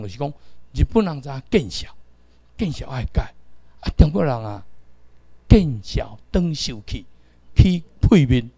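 A man's voice: a little high, a little mellow, dry recording. A middle-aged man with a Taiwanese accent teaching a class, lecturing and calling out drill commands for the students to repeat.

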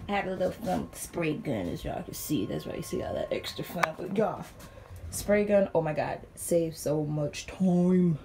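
Casting note: young woman, casual vlogger, slightly gravelly, says y'all, noisy handheld phone audio in a cramped trailer. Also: on the low side, animated, moderate pace. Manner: chatty, addresses viewers as y'all, drops to a whisper at times. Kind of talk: casual walkthrough vlog. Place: inside a small travel trailer under renovation. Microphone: phone camera held while walking. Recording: noisy phone recording with sanding noise.

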